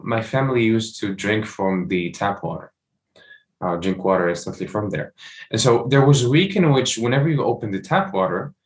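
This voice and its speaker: A young man from Morocco, a startup founder, answering interview questions with many fillers and restarts. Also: on the low side.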